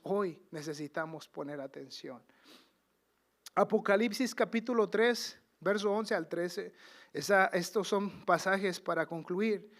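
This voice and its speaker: A man preaching a fervent sermon, booming on key phrases and dropping to quiet low asides, drawing out quoted scripture slowly. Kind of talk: Pentecostal sermon.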